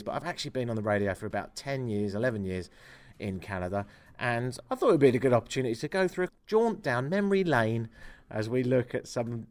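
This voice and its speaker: A middle-aged man from England hosting a farewell radio show, talking with dry, self-mocking humor and a taste for ranting. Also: medium pitch. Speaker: radio host.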